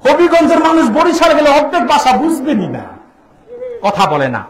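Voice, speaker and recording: A very high-pitched male preacher gives a fiery sermon, firing questions at the crowd and breaking into shouts and chanted verses. His voice rings through an echoey amplified venue. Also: huge pitch swings, normal speed. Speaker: Islamic preacher. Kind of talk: impassioned sermon to a large gathering.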